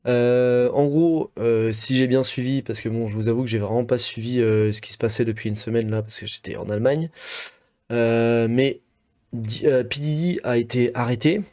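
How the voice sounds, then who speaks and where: A man's voice: medium pitch, moderate pace. A man streaming a video reaction, chatting casually in a rambling way with lots of hesitant fillers and loose slang. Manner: relaxed slang-heavy chat.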